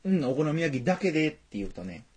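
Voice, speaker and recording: Husky fast-talking man with a Tosa accent. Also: on the high side, big pitch swings, a little mellow. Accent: Tosa (Kochi) Japanese. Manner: jokey, laughs often, playfully formal asides. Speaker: podcast co-host. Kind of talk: casual chat.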